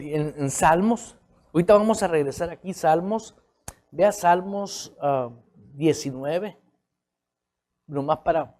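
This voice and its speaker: A man's voice: on the high side, a little mellow. A male pastor, preaching a conversational sermon. He keeps checking in with his listeners and repeats key phrases for emphasis.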